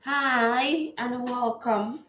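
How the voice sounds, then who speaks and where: Extremely slow and a little high, with a slightly bright tone, a stuffy-nosed woman hosts a casual livestream from a home table setup, chatting and greeting viewers. The dull, lo-fi recording is echoey, with a little hiss or hum.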